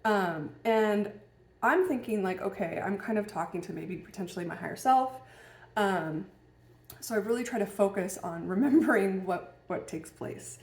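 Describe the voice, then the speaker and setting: Woman vlogger, mid-pitched, reflective and hesitant storytelling, roomy room sound. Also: moderate pace, darkish tone. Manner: musing, hesitant, many fillers and restarts. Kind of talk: casual personal storytelling. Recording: roomy echo.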